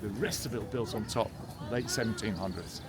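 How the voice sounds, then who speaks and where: A man's voice: fairly low pitch, fairly quick. Man guiding a tour outdoors. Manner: chatty, informative, with restarts. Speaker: tour guide. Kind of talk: casual walking tour commentary. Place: outdoors beside a castle by a road. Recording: loud outdoor traffic noise.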